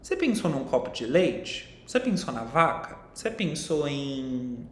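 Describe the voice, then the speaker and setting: A man's voice: big pitch swings, unhurried. A young man with a Brazilian accent, a psychologist giving an online lecture, explaining and asking viewers questions directly. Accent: Brazilian Portuguese. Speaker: psychologist teaching a course. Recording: echoey room with faint rumble.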